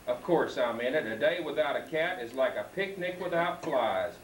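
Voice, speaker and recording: A school program in an echoey hall, captured from a distance by a camcorder mic with old home video tape sound and a little hiss or hum. A man with a medium-pitched, animated voice reads a children's book at a moderate pace and cues the student readers.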